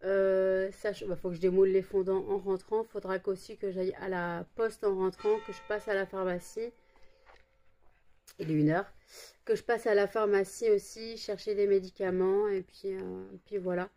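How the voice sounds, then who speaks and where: A French woman vlogging casually to camera, with a high, shrill voice, tired and barely awake, rambling with many fillers and restarts. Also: steady tone, moderate pace, mellow.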